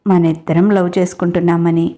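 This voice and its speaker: A drunk, mocking young woman taunts and jeers in a storybook reading, put on by a woman narrator. Her voice is mellow and warm underneath the scorn. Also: lowish voice, flat delivery, fairly quick, pitched below the performer's own voice, close to an everyday voice. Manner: taunting, jeering.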